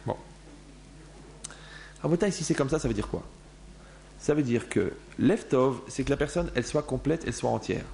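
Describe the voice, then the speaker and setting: A man giving a lively class to an audience into a microphone, acting out everyday people as he explains. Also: mid-range voice, creaky, a little hiss or hum. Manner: animated, acts out everyday people in quick voices. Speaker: religious teacher. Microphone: microphone in front of a live class.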